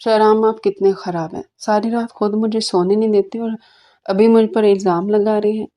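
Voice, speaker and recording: A woman's voice: mid-range voice, flat delivery, mellow, close to an everyday voice. A woman voicing an indignant young bride in a romantic audiobook novel, complaining to her husband.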